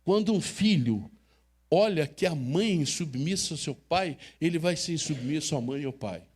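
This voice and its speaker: Expressive older Brazilian pastor preaching. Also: male voice, a little high, moderate pace, husky. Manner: emotional, storytelling, direct address to congregation. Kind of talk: sermon with personal stories. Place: church sanctuary.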